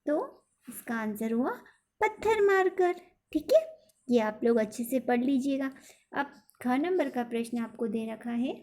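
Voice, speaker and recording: A woman teacher giving a recorded lesson to young pupils, repeating questions and reciting a poem slowly. She keeps checking with "ठीक है?". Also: a little high, mellow. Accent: Hindi. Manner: slow, repetitive, sing-song recitation with frequent "ठीक है?" checks.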